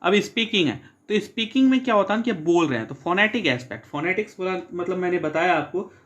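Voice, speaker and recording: A male teacher giving an exam-prep lecture, reading English points slowly and then explaining them with frequent checks with his students. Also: high-pitched, animated, fairly bright tone.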